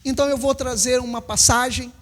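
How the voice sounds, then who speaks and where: A man's voice: extremely high pitch, fairly even intonation, brisk, big-room sound. A man in his fifties from Brazil, preaching a sermon as pastor, repeating his warnings emphatically and acting out little scenes. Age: 50s. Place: church hall.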